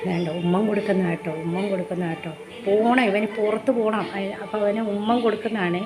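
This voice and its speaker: A woman, narrating a casual home vlog about her pet dog in a hushed voice and switching to sing-song baby talk when she speaks to him. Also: mid-range voice, fairly even intonation, fast, over music. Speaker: pet vlogger. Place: at home, indoors.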